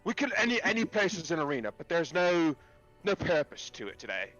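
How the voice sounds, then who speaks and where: A man's voice: fairly high pitch, very animated, brisk, fairly bright tone, muffled recording, soft background music. A man playing a tabletop game, speaking in character in a haughty, theatrical way. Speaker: player. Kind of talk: in-character tabletop role-play.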